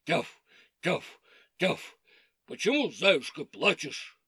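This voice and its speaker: A woman voicing a pack of kindly dogs who bark loudly in a lowered voice. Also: big pitch swings, slow, husky, no room sound, studio quality, full character voice. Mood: brave. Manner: lower, loud, barking.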